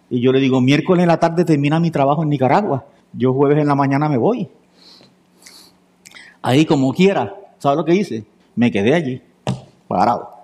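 Fairly high-voiced preacher. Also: male voice. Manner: lively storyteller acting out dialogue. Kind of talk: sermon storytelling.

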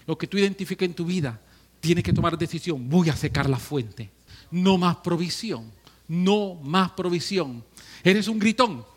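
A man preaching a sermon as pastor, swinging from hushed, slow stretches to loud, joking outbursts. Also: fairly high pitch, expressive.

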